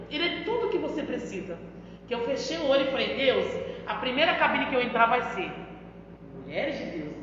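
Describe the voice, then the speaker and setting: A woman's voice: fairly high pitch, a bit bright, a little hiss or hum. A woman missionary with a Brazilian accent giving an emphatic testimony in a church, often turning to address the pastor. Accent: Brazilian Portuguese. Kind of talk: testimony preaching. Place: church hall. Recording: echoey church hall, dull sound.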